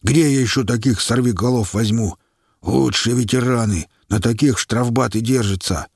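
A man voicing a gruff, loud older army captain who barks his orders. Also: medium pitch, moderate pace, dry recording, clean studio sound. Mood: gruff coaxing. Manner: barking, bellowing.

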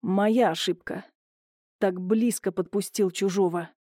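A woman voicing a gruff, blunt man, an older brother who growls his curt lines in an audiobook. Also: mid-range voice, steady tone, a little slow, mellow, no room sound, studio quality, close to an everyday voice.

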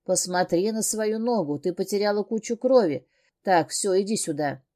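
A woman's voice: medium pitch, normal speed, warm tone, natural voice. A woman voicing a domineering, angry man in an audiobook, barking orders and cursing. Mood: harsh commanding.

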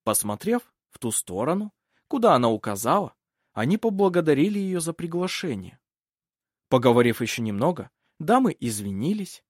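A man's voice: fairly high pitch, husky, no echo, clean studio sound. Man narrating an audiobook. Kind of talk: scripted narration.

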